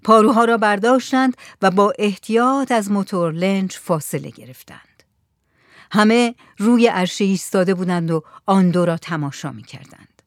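An audiobook narrator reading a story in a steady, measured way. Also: mid-range voice, dry recording, studio quality. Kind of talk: scripted narration.

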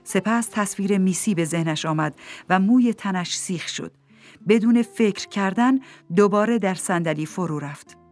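A woman narrating a novel as an audiobook, in a measured storytelling manner. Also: medium pitch, a little mellow, soft background music. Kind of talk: scripted narration.

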